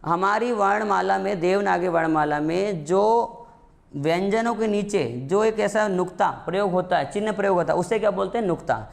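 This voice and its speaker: Guy teaching grammar for exam prep, fairly high voice, keeps asking questions and answering them himself. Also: moderate pace, gravelly. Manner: calls students "beta", repeats key points. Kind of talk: classroom-style exam prep lesson.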